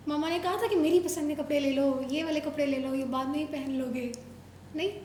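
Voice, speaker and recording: High-voiced woman playfully quizzing children. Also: fairly even intonation, a little fast, darkish tone, a little hiss or hum. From Pakistan. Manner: playful, coaxing, teasing questions. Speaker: show host interviewing children. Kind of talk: casual chat with children. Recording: roomy echo.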